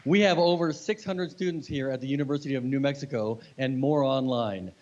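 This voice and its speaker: A man's voice: medium pitch, a little fast, darkish tone, muffled recording. A man who hosts an event, talking informally and repeating words as he goes. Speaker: event organiser and host. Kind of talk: informal interview and event talk. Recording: clear background noise and hiss.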